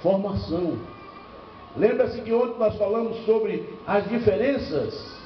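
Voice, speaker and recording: Older pastor, echoey hall. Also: male voice, sits high, expressive, a little slow, slight background noise. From Bahia, northeastern Brazil. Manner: storytelling with rhetorical questions and humor. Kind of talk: church seminar preaching. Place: church hall. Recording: echoey lo-fi church recording from far off.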